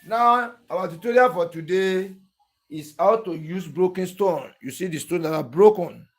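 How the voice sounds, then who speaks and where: A man's voice: high voice, unhurried. Earnest Nigerian man teaching a tutorial. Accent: Nigerian English. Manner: repetitive, earnest, pleading. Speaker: clipper-blade sharpening tutor and channel host. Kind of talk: tutorial narration.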